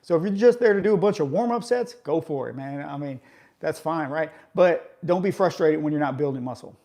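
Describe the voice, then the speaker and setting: This fitness vlogger, a man in his forties whose voice sits slightly higher than most men's, has a loose, mellow delivery as he chats with viewers during a live stream. He coaches like a friendly trainer and keeps checking in by ending points with a quick "right?".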